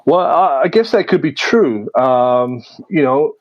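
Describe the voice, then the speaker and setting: A man answering interview questions in a measured way, with many fillers and restarts. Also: medium pitch, lively intonation, no room sound, dull audio. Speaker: interview guest, media producer. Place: based in Vietnam.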